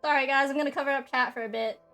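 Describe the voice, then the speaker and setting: A woman's voice: high-pitched, fairly even intonation, rapid-fire, a bit bright. A young woman streamer chatting casually and rambling with lots of fillers. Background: faint background music.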